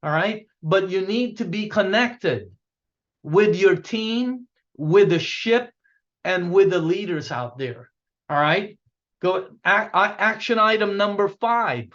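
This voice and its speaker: A man's voice: high voice, expressive, slow, fairly bright tone, dull audio. A man giving a punchy motivational talk to a sales team, repeating himself and asking "okay?" after each point. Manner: punchy, repetitive, asks "okay?" a lot. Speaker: business coach.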